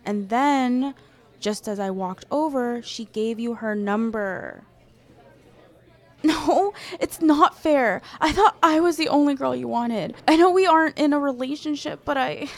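A young woman voicing a jealous girl who confesses her feelings to a friend, speaking softly and intimately to the listener. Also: fairly high pitch, slow. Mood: upset, jealous. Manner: soft, intimate, addressing the listener directly. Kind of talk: audio roleplay to a listener.

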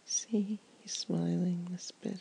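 A woman in an ASMR comfort roleplay, talking in a soft, gentle whisper. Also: fairly low pitch, steady tone, unhurried, gravelly, breathy edge. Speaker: ASMR performer.

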